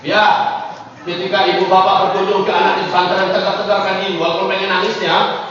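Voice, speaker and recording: A man's voice: sits high, level tone, a little fast, a bit bright, slight background noise. A middle-aged man preaching a sermon, emphatic and joking with the audience, acting out parents and children. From Minangkabau, West Sumatra. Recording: echoey hall, distant mic, dull sound.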